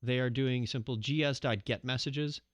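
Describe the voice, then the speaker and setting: A man's voice: medium pitch, fairly even intonation, normal speed, dry recording. A man co-hosting a live coding show, casually thinking aloud as he types and walks through his code. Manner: thinks aloud while typing code, easygoing.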